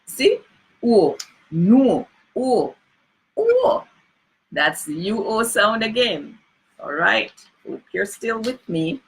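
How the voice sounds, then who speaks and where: A woman's voice: a little high, fairly bright tone, breathy edge, low-quality recording. A woman with a Jamaican accent presenting a lesson on reading Jamaican spelling, patiently drawing out example sounds and checking in with her listeners. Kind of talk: spoken lesson on pronunciation.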